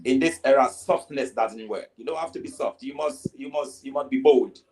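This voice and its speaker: A man's voice: mid-range voice, moderate pace, a little mellow, a little hiss or hum, poor audio. Ghanaian man chatting in a reggae interview. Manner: many "you know" fillers, repeats and stammers on words. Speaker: guest reggae artist. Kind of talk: casual interview answers.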